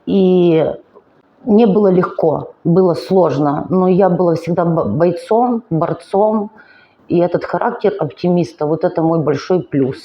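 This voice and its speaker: On lo-fi audio, a fairly low-pitched woman in her 40s from Ukraine vlogs a personal confessional monologue about her life. She sounds worn out and struggles to speak, her tone earnest and emotional, her pace slow and halting.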